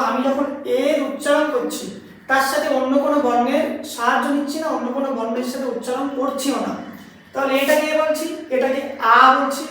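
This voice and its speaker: High echoey female grammar teacher. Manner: explains slowly, repeating and asking questions. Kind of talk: classroom grammar lesson. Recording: very echoey room, voice from far off.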